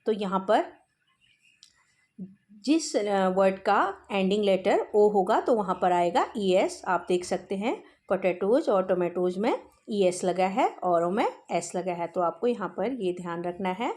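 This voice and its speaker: A woman teacher patiently explaining textbook exercises to young children, mixing Hindi and English and reading word lists slowly. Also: mid-range voice, expressive, darkish tone.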